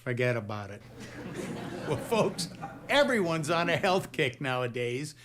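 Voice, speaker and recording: An actor playing a wisecracking lounge host who tells punchy jokes with slow timing. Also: male voice, a little high, very animated, a bit bright, some chatter behind, slight background noise. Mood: joking. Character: wisecracking Italian-American lounge host, brash.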